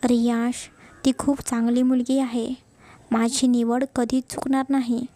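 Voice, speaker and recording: A woman voicing a patient, gentle elderly grandmother in a read-aloud story, speaking in a soothing, persuasive way. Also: fairly high pitch, little pitch movement, measured pace, natural voice. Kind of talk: storybook narration.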